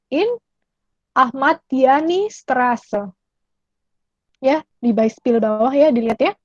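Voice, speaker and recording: High-voiced, slow-paced woman tutor. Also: no room sound, muffled recording. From Indonesia. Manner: explains patiently, repeats phrases slowly, checks in with "oke?". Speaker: German language tutor. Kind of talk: online language lesson.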